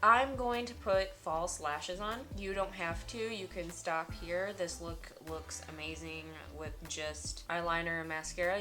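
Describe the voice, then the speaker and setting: A woman talking casually through a makeup tutorial as a beauty vlogger. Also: fairly low pitch.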